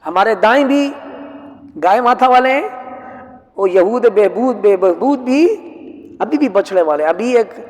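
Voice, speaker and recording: A man with a notably high voice retells scripture as a lively story, stopping often to ask his listeners whether they follow. His lecture rings with a long reverb, as if in a large hall. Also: pauses often. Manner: lively storyteller, asks listeners rhetorical questions. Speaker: Quran teacher. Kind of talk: storytelling Quran commentary lecture.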